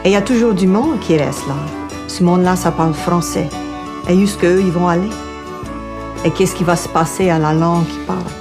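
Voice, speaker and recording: A woman's voice: fairly low pitch, brisk. A woman from Louisiana with a Cajun French accent, speaking reflectively as a university coordinator in a documentary. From Louisiana, United States. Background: fiddle music.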